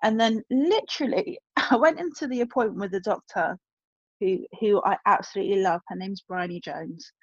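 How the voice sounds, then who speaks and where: A woman's voice: medium pitch, normal speed, breathy edge, dry recording. A woman, speaking as a guest and telling a personal story candidly and reflectively, often searching for her words. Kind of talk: emotional personal story in conversation. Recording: dry, slightly dull lo-fi audio.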